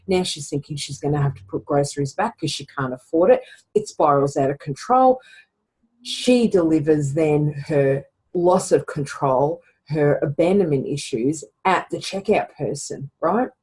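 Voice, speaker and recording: A woman's voice: low-pitched, moderate pace, a little mellow, husky, poor audio. A middle-aged woman hosting a reflective casual talk, speaking conversationally and often adding "right?" to her points. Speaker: podcast host.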